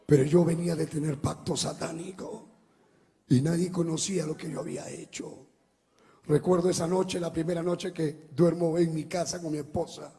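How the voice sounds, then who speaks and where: A man, a pastor giving a dramatic testimony sermon that swings from shouting to hushed speech. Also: on the high side, steady tone, normal speed. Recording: long hall reverb.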